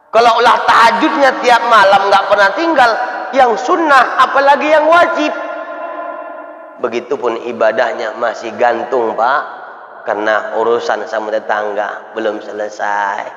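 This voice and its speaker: A man giving an animated sermon, acting out dialogue and rising to shouts. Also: sits high, a little slow, long pauses. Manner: animated, switches voices for characters, rises to shouts. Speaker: preacher. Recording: echoey hall.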